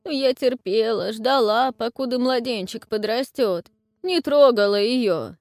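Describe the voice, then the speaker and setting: A woman voicing a frightened, wheedling old witch with a shrill, wailing manner and folksy speech. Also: measured pace, a little mellow, dry recording. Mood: pleading.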